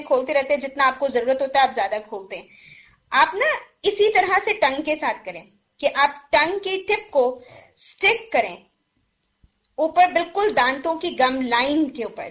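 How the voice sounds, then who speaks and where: A woman's voice: high voice, fairly bright tone, dull audio. A woman, a teacher who patiently explains letter sounds step by step and uses everyday comparisons. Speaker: Quran recitation teacher. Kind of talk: pronunciation lesson.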